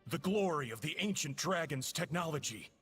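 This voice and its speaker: A man's voice: a little high, expressive, moderate pace, fairly bright tone, slightly rough, faint music behind, full character voice. A man playing a smug, menacing artificial agent in a video game, speaking in a mocking, theatrical and formal way.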